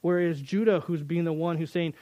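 A man's voice: on the high side, steady tone, brisk, dark tone, no echo. A man teaching through a Bible passage in earnest, often repeating words as he builds emphasis.

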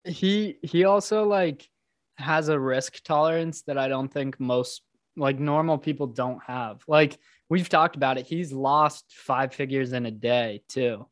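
A man's voice: medium pitch, a little slow, dry recording. Easygoing young guy, dry close sound. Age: young adult. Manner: easygoing, hedging, "like"-filled. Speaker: podcast guest. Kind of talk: casual chat.

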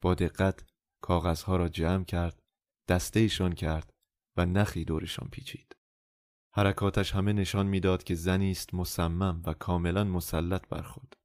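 A man narrating a novel as an audiobook in a measured, calm first-person storytelling manner. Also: deep voice, dry recording, clean studio sound.

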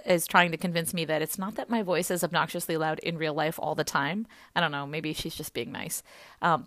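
A woman co-hosting a team podcast, chatting casually in an upbeat way with a loud voice and many fillers. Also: lowish voice, no echo. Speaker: podcast co-host. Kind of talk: casual chat.

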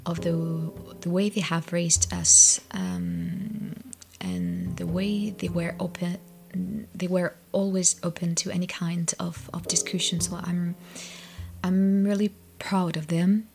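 A woman from France speaking softly and haltingly as she reflects on what she is proud of. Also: on the low side, flat delivery, gravelly, faint music behind. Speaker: podcast guest. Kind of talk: personal reflection.

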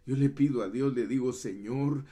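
Male pastor, mid-pitched voice, impassioned sermon delivery with loud and soft swings. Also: measured pace. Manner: fervent preaching, often addressing listeners as brother; swings between loud emphatic runs and soft hushed asides.

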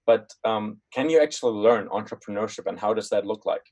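A young man hosts a podcast in a casual interview style, his lowish voice fairly quick, a bit mellow and slightly rough. His questions run long and rambling, packed with fillers and restarts.

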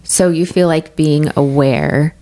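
The host of this podcast, a woman, works through her intro and survey results methodically and uses questions to direct the discussion. Her low, warm voice takes things slowly, and the audio quality is poor.

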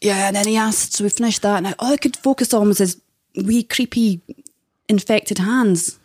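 A woman's voice: medium pitch, normal speed, darkish tone, no echo. Candid woman telling dating stories, dry sound. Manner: candid, chatty storyteller who laughs often. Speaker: podcast guest.

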